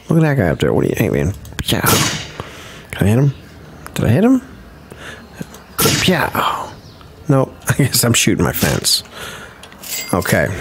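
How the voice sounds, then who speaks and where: A man's voice: mid-range voice, slight background noise. A man hosting a gaming channel, giving chatty, playful let's-play commentary in a slangy, easygoing way and humming to himself as he plays.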